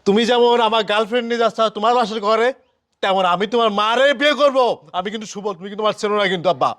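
A man's voice: high voice, rapid-fire, fairly bright tone. A man playing a wailing, indignant jilted son. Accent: Bangladeshi colloquial Bengali. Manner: wailing, accusing and pleading.

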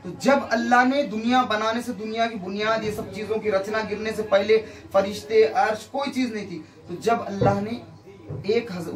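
A man, a faith healer, preaching and admonishing a gathered crowd in a commanding, repetitive way. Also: sits high. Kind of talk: exorcism session and sermon to a crowd. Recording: roomy, distant mic with crowd behind.

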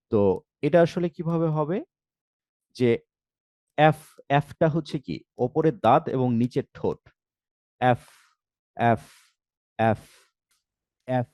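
A man's voice: on the high side, warm tone, dry recording. A man with a Bangladeshi Bengali accent teaching English letter sounds, repeating each sound several times. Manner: slow, drills sounds by repeating them. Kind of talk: pronunciation lesson.

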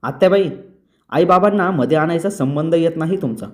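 A man's voice: on the high side, lively intonation, fairly quick, voice pushed up, natural voice. A man reading the lines of a spirited young woman defending her sister. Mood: defiant. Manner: defiant, retorting.

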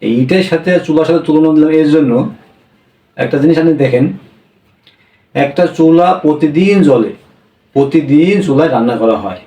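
A man teaching a language class, explaining slowly and repeating each point, often checking with a quick "yes?". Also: on the high side, warm tone. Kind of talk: classroom-style lesson. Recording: echoey room, voice from a distance.

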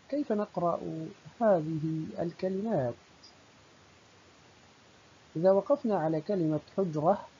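A primary school teacher giving a recorded lesson, speaking slowly and deliberately and stretching out the example words. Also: mid-range voice, mellow, slightly rough. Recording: dull lo-fi recording.

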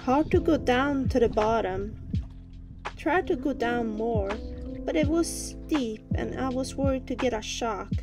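Woman doing casual vlog voiceover, kinda high voice, music under it. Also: animated, unhurried. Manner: plain, informal, unpolished. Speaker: vlogger.

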